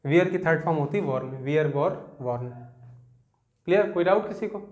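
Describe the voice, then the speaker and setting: A young man with a Hindi accent teaching a grammar lesson, explaining step by step, asking students questions and reading example sentences out slowly. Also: on the high side, lo-fi sound.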